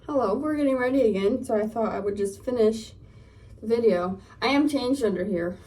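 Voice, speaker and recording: A slightly high, dark-toned woman's voice moves briskly over faint background noise. She's a young lifestyle vlogger from Northern California with a Californian accent, rambling chattily with lots of fillers as she gets ready at home. The phone camera catches her from a distance, a little off-mic.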